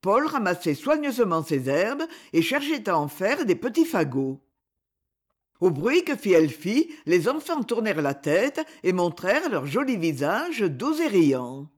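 A woman narrating a children's story with expressive reading. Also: mid-range voice, a little slow. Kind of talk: scripted narration.

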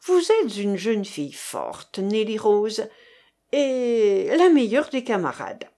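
A woman's voice: medium pitch, animated, takes it slowly, warm tone. A woman voicing a tall bearded young man student who teases his friends. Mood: teasing.

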